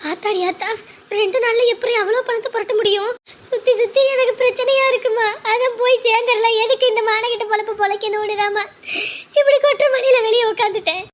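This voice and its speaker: A tearful young woman buried in debt, in a family drama, played by a woman. She pleads through sobs in a very high, strained voice. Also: steady tone, a little fast. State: crying. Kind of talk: family web drama acting.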